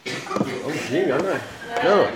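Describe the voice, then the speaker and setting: A man's voice: a little high, expressive, takes it slowly, loud music behind the voice. Ex-con in his forties, slangy storytelling. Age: 40s. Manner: street slang, laughs often while talking. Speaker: former prisoner telling his story. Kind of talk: casual personal storytelling. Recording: echoey room with noise behind.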